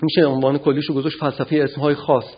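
Hesitant male philosophy lecturer, husky. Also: on the high side, flat delivery, dull audio. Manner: measured, frequent hesitations.

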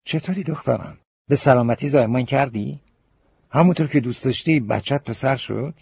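A woman's voice: very deep voice, creaky, slightly rough, no echo, full character voice. A male narrator voicing a kindly, motherly older woman nurse in an audiobook. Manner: gentle, motherly questioning. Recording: dull lo-fi recording.

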